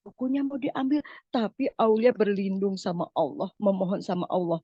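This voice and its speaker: Woman storyteller, animated, breathy, children's story, muffled webinar audio. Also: medium pitch, normal speed, no echo. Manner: animated, addresses the children directly.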